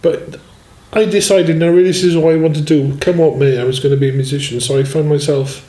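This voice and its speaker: A man in his sixties from Swansea, a musician telling his life story in a relaxed, rambling way and often saying "you know". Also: fairly high pitch, fast. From Swansea, Wales. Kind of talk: relaxed autobiographical chat. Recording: echoey room.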